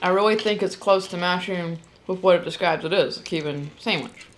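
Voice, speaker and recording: A woman's voice: lowish voice, brisk, slight background noise. A woman giving a candid, casual tasting review as the host, in plainspoken style.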